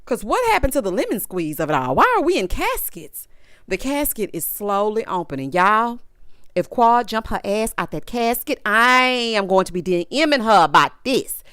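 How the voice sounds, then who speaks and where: A woman's voice: mid-range voice, normal speed, no echo, clean studio sound. A woman hosting a reality TV recap with casual, sassy commentary full of slang and teasing asides. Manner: sassy, animated, drawling slang.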